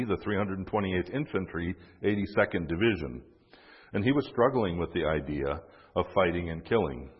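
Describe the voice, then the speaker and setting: A man with a low, husky voice tells a history story casually, with fillers and wry asides. The recording sounds dull and echoey, as if in a hall.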